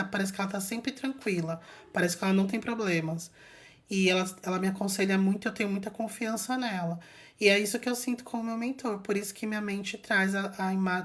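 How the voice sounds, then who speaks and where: A woman from Brazil tells a personal spiritual story in a relaxed vlog. She is chatty and lively, with a mid-range voice. She breaks off to restart sentences and speaks straight to her viewers. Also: mid-range voice. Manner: chatty, animated, acts out quoted voices; frequent fillers and restarts, addresses viewers directly. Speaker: spiritual content creator.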